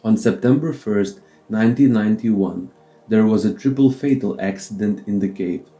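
In a low, very dark, mellow voice, a man reads a documentary script with steady, measured delivery and slightly non-native phrasing. Faint music sits under the narration, and the audio quality is poor.

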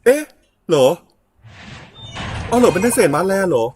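Thai male streamer, loud and excitable, chants and begs for luck, a bit sore-throated, very lively pitch. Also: moderate pace. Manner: loud, excitable, chanting repeated words while pleading for luck. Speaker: game streamer. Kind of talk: excited gacha-pull commentary. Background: game music.

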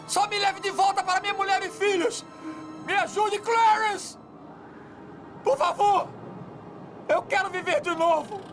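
A man's voice: very high voice, steady tone, a little slow, long pauses. A frantic, overjoyed family man. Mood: desperate. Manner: shouting, pleading, laughing through tears. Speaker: dubbed film actor. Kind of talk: Brazilian Portuguese film dub. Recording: film soundtrack with loud music.

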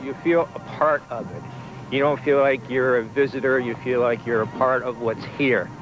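A man talks in an earnest, reflective way about his trip. His voice sits in a plain middle range. Music plays clearly behind him. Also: mid-range voice, fairly even intonation, normal speed, muffled recording. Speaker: cruise passenger. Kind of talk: casual interview remarks.

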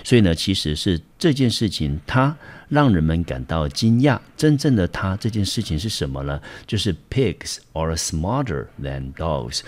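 A male English teacher who speaks Taiwanese Mandarin and explains a vocabulary lesson patiently, step by step. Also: a bass voice.

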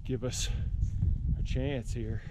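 A man in his forties, out of breath and coughing, talking to a chest camera in stop-start bursts while hiking a high mountain boulder field. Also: fairly even intonation, slow. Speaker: hunting show host. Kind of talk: outdoor hiking vlog. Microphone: action camera on chest strap. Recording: heavy wind noise, lo-fi camera mic.

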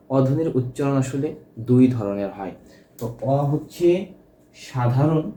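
A man's voice: medium pitch, warm tone, echoey room, a little hiss or hum. A man teaching a grammar lesson, explaining step by step and checking that students follow. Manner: explanatory, repeats key points and checks with "ঠিক আছে?".

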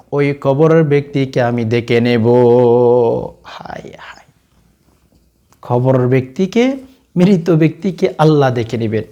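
A man with a Bangladeshi Bengali accent giving a religious talk, coaxing his viewers with repeated questions and breaking into slow, drawn-out chanted recitation. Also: a little high, warm tone. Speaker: Islamic preacher. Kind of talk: religious teaching with Quran recitation.

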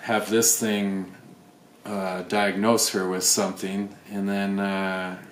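A man's voice: low-pitched, flat delivery, slow pace. A man thinking aloud with wry asides while unboxing items on camera. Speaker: video creator unboxing items. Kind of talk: casual unboxing commentary. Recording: roomy echo, faint background noise.

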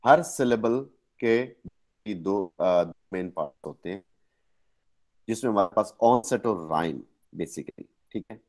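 Slow-talking Pakistani man lecturing. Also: on the low side, expressive. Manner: slow, explaining step by step, correcting slips. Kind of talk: online lecture on phonology. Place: online class.

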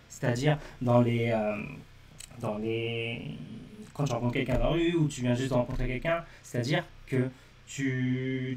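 A man's voice: medium pitch, darkish tone, recorded from a distance. A man teaching a live-streamed lesson, explaining step by step and repeating key points straight to his viewers. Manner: repetitive step-by-step explaining, addresses viewers directly. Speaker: language teacher. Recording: echoey room, speaking away from the mic.

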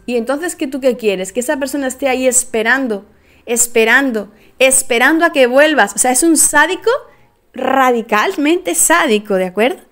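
A middle-aged woman talking casually to her viewers, telling a story with animated delivery and acting out bits of dialogue. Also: sits high. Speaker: host.

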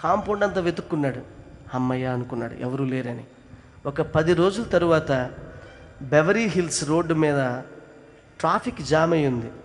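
A man tells an emotional moral story, swinging between loud emphasis and hushed narration. His voice sits fairly high. It echoes with the long reverb of a large hall. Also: lively intonation, moderate pace, pauses often. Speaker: speaker telling a moral story.

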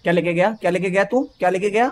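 A young man from India gives playful gameplay commentary, joking with the characters and talking to himself as he plays. His voice sits a little high for a man. A faint noise runs under the recording. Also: very fast. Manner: playful, teasing, talks to game characters. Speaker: gaming YouTuber.

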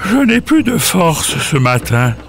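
A man's voice: a little high, very animated, slow pace, fairly bright tone, faint music behind, exaggerated voice. A man voicing a big, good-humoured male hippopotamus in a storybook, easygoing and chuckling. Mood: grumbling. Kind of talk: storybook voice acting.

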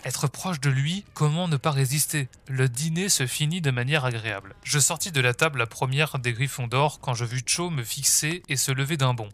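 A man reading a fan fiction aloud in a plain, steady voice. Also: medium pitch. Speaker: reader.

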